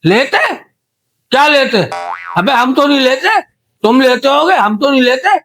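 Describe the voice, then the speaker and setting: A man doing a shouting deaf man. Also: very high voice, expressive, measured pace, exaggerated voice. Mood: indignant. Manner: shouting, indignant, rambling mishearings. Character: deaf man, loud, rambling, mishears everything. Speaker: guest character in comedy interview. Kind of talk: comedy sketch acting.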